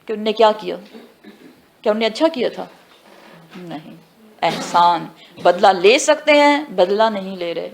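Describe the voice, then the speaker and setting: A woman giving a tafsir lesson who asks her students questions and answers them herself, mixing in English phrases and slowing down for the Arabic words. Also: medium pitch, expressive, gravelly, slight background noise. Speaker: Quran teacher. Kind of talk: tafsir class lecture.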